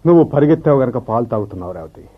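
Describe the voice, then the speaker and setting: An actor playing a bitter, reproachful husband in an old radio show, speaking slowly and reflectively, with the dull sound of a vintage radio broadcast. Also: male voice, medium pitch, animated. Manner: slow, reproachful, reflective speech. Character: bitter middle-aged husband, a clerk left behind. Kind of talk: 1970s radio drama acting.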